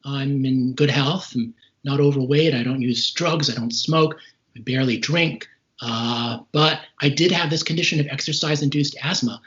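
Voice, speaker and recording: A man in his forties, a little short of breath, giving a halting, measured account of his experience as an interview guest. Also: mid-range voice, a bit bright. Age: 40s. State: short of breath, recovering from serious respiratory illness. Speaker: interview guest, recovering patient. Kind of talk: recounting personal experience in an interview. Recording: dull lo-fi call audio.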